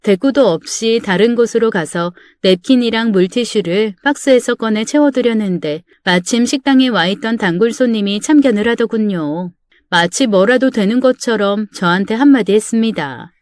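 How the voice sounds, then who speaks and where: A woman's voice: on the high side, moderate pace, no echo, studio quality. A woman narrating a first-person family story in a plain, confiding way.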